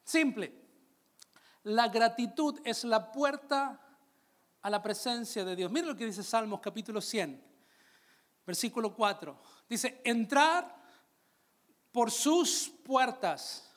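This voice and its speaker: A Latin American man preaching a sermon, calling out to his congregation and slowing down on key phrases. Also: high-pitched. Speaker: pastor.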